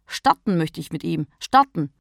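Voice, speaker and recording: A woman voicing a calm, formal, bearded Santa Claus in a storybook reading, unruffled and matter-of-fact. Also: low-pitched, normal speed, creaky, dry recording, clean studio sound, heavily acted.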